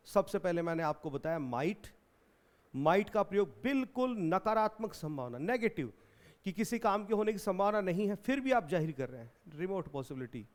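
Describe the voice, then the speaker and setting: A man from India teaching an exam-prep English grammar lesson in Hindi, explaining and repeating questions back to his students. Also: sits high.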